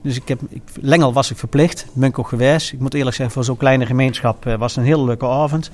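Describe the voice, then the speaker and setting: A man speaks in an informal, reminiscing way with a regional accent from the east of the Netherlands. His delivery is halting and hesitant, and he often stops mid-sentence to find the next word. His pitch sits in a middle range for a man. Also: steady tone. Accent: regional eastern Dutch. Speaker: former carnival prince and innkeeper recounting his carnival.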